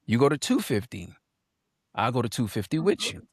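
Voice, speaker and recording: A man's voice: medium pitch, big pitch swings, a little fast, slightly rough, dry recording, clean studio sound. A man co-hosting a casual podcast panel, talking emphatically, repeating lines for punch and reading viewer comments aloud. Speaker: podcast co-host.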